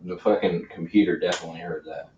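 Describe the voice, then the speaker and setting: Laid-back young man with very low voice. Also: fairly even intonation, fast talker. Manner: laid-back, swears a lot, slangy. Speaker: podcast co-host. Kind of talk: casual chat. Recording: roomy, distant, dull lo-fi mic with faint hiss.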